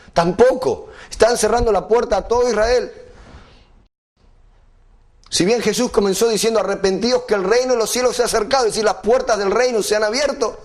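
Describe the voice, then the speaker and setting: Middle-aged male preacher, emphatic sermon delivery, slows down for scripture, slightly high pitch. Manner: emphatic, rhetorical questions to the congregation; quotes scripture at a slower, lower pitch.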